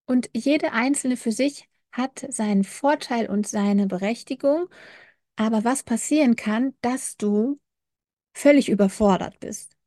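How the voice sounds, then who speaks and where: A woman's voice: on the high side, measured pace, dark tone, dry recording, clean studio sound. A woman coaching people with chronic pain, talking casually and reflectively to the listener, acting out inner voices along the way. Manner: addresses the listener informally, frequent fillers. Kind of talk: casual direct-to-camera talk.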